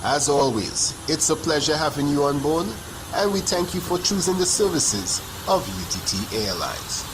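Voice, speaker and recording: A man's voice: a little high, lively intonation, moderate pace, natural voice. A young man playing an airline captain on the cockpit mic. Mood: mock-formal. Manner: formal announcing cadence of a pilot's welcome. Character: male airline captain making a cabin announcement. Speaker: valedictorian graduate. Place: graduation ceremony stage. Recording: noisy ceremony recording.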